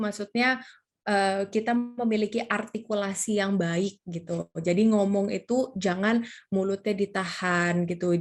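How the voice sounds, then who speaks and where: A woman teaching public speaking over slides, in a casual, chatty way with many fillers. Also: medium pitch. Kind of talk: slide presentation lesson.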